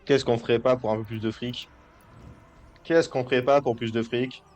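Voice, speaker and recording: This gaming video creator, a young man, chats loosely about a management game, cracking jokes and often stumbling and restarting his sentences. He speaks at a normal pace with a medium-pitched, slightly mellow voice and fairly level intonation.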